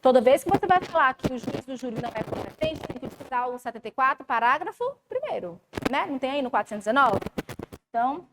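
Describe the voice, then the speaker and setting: A high-pitched woman with a Brazilian Portuguese accent teaches a live law class, lively and chatty, talking straight to her students. The recording carries clear background noise from the classroom. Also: fast talker.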